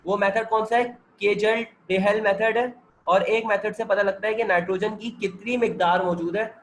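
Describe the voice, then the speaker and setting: A hoarse man, working through chemistry multiple-choice questions with a student on a video call and checking that the student follows. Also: high-pitched, steady tone, normal speed, slight background noise, rough recording. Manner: explains step by step and keeps checking that the student understands. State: hoarse, with a sore throat and cold. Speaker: chemistry teacher. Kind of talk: MCQ-solving lecture over video call.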